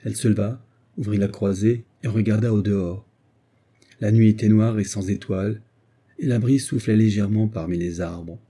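A man reading a novel aloud as audiobook narrator, in an even, measured way. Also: lowish voice.

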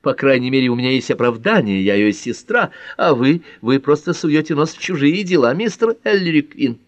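A man doing a teasing young woman with quick mocking retorts, pitched a little higher, dry and dull audiobook recording, close and flat. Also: dry recording, natural voice.

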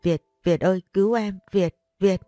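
A woman's voice: mid-range voice, moderate pace, mellow, no room sound, studio quality, soft background music, lightly acted. A woman voicing a frightened young wife who pleads for help, in a read-aloud story. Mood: desperate.

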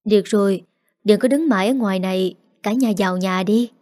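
A woman's voice: mid-range voice, fairly quick, a little mellow, natural voice. A woman voicing a firm older mother-in-law in a storybook reading, speaking practically. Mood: brisk.

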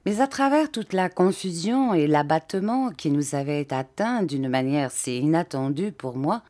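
A woman reading a classic novel aloud as an audiobook, with even, clear storytelling. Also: low-pitched, normal speed. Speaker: audiobook reader.

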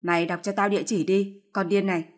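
A woman's voice: medium pitch, fairly even intonation, fast talker, close to an everyday voice. A woman voicing a fierce older mother-in-law who scolds harshly in a storybook reading. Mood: furious scolding.

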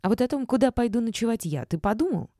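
Woman voicing a sharp sarcastic office clerk. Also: on the high side, lively intonation, quick pace, no room sound, clean studio sound, pitched above the performer's own voice. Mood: indignant.

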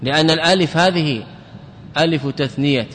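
A man teaching classical grammar as a sheikh, drilling example words and putting quick questions to his listeners. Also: a bit bright. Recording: long reverb with faint rumble.

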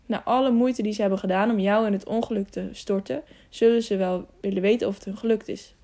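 A woman's voice: medium pitch, fairly even intonation, fast, mellow, lightly acted. A woman reading the part of a serious older male knight who speaks earnestly and measuredly in an audiobook. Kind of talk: audiobook character voice.

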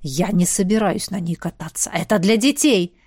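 A woman's voice: on the low side, expressive, normal speed, a little mellow, husky, no room sound. Woman reader doing an aloof storybook duke; dry, clipped. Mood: grumbling. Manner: dispassionate, curt. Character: cold aloof male duke, grumbling.

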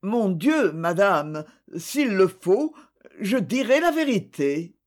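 A poor old flatterer who whimpers for charity, as an audiobook reader voices him. He pleads in a lively, up-and-down voice and takes his time over each phrase. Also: medium pitch, slow pace. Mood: pleading. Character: whining poor older man, sly flatterer.

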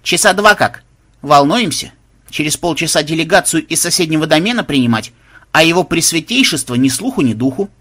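A man voicing a high, flustered young monk. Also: lively intonation, pushed and bright. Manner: hurried, servile.

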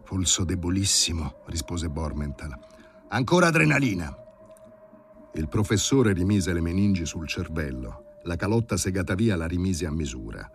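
A man reading a novel aloud in a measured, vivid storytelling manner. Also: low voice, animated, a little mellow. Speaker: audiobook reader. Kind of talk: dramatic literary reading.

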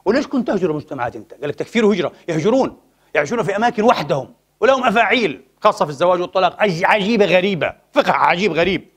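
A man delivers a sermon in a high voice, full of passion. He speaks quickly and keeps pressing his listeners with pointed rhetorical questions. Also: expressive, husky. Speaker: preacher.

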